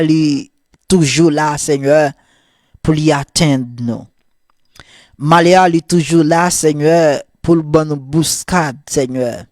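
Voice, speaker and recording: Fervent Haitian Creole-accented priest preaching. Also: male voice, on the high side, no room sound, studio quality. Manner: fervent, repetitive call-and-response cadence; soft murmured prayer. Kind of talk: morning prayer sermon.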